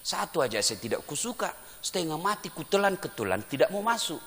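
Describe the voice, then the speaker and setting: Preacher doing a naive rich old villager, bright and animated, long hall reverb. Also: male voice, fairly high pitch, a little fast, voice pushed up. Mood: content. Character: rich illiterate old village man, simple and bewildered.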